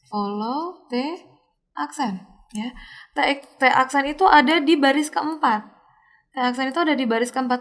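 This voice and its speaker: A young woman teaching a recorded university lesson, explaining step by step with casual fillers and quick self-corrections. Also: high-pitched. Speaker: lecturer.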